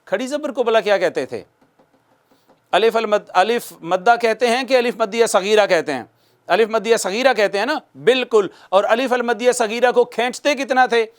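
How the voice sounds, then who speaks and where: A man teaching a televised tajweed lesson. He recites verse words slowly and at length, has viewers repeat after him, and asks questions that he then answers himself. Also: high-pitched. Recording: studio broadcast.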